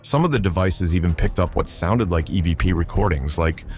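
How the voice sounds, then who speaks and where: A man with a low, heavy voice reads a scripted narration, pacing it to build suspense. Faint music plays behind him the whole way. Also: brisk, a little mellow. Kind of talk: scripted true-crime narration.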